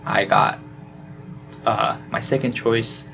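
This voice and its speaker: A study abroad student guest, a young adult from South Korea, talks casually about his semester in an interview, saying "like" a lot. Music plays behind his slow, mid-range voice, which carries some vocal fry.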